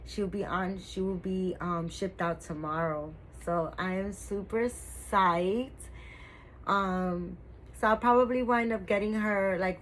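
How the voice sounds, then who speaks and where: A woman's voice: mid-range voice, a bit bright, a little hiss or hum, poor audio. A woman in her fifties, a doll-collecting vlogger, chatting casually to her viewers in a rambling way, full of fillers and restarts. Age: 50s.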